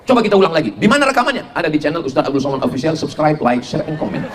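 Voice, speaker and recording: A middle-aged man giving a humorous sermon to a congregation, animated and full of mimicry. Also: racing, background noise. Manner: animated, mimics voices for jokes, shifts between high and low pitch. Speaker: Islamic preacher.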